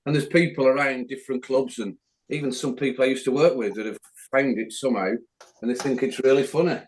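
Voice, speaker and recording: A man's voice: medium pitch, fast, poor audio. Chatty Northern English man hosting. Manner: rambling, chatty. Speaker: podcast host. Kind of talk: casual chat.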